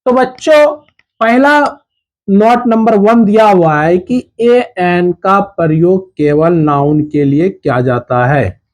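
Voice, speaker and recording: Male teacher, slow measured delivery, repeats key words, classroom grammar lesson. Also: sits high. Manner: asks the children questions and answers them himself.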